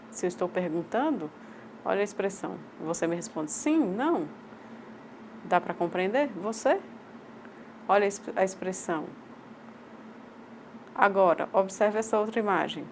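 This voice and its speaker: A woman with a Brazilian accent voicing a sign language teacher's lecture aloud, in measured, halting short phrases. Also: lowish voice, a little mellow, slight background noise. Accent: Brazilian Portuguese. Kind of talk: voiced interpretation of a lecture.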